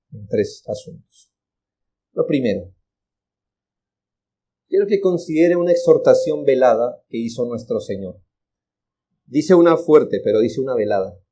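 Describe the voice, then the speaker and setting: Hombre predicando con voz oscura. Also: male voice, mid-range voice, dark tone. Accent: Colombian Spanish. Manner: earnest, exhorting, repeats for emphasis. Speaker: pastor. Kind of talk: sermon.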